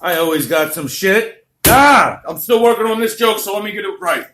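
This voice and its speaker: Crude stand-up comic, bright lively voice. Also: male voice, sits high, moderate pace. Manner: crude, vulgar, rambling storytelling. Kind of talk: stand-up comedy set. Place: comedy club stage. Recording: roomy club, distant mic, faint noise.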